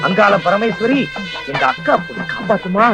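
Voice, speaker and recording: An actor playing a fretful young village man, who wails in alarm and prays loudly for his niece. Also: sits high, lively intonation, moderate pace, dull audio. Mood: praying. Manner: frantic wailing, loud pleading prayers. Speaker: film character. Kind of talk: 1990s film acting. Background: film score music.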